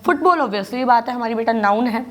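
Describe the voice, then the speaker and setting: A woman with an Indian English accent teaches a school grammar class in Hindi mixed with English. Her voice sits high, and she works patiently through each point, asking questions and then answering them herself. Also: a little fast, a bit bright. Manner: explains patiently, repeats key words, asks and answers her own questions.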